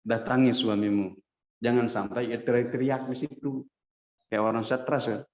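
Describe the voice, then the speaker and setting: Man preacher at a mosque lesson, chatty and lively, roomy echo, kinda muffled sound. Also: medium pitch, moderate pace. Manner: lively, addresses listeners as Pak, acts out quotes. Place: mosque hall. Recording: echoey dull mosque recording.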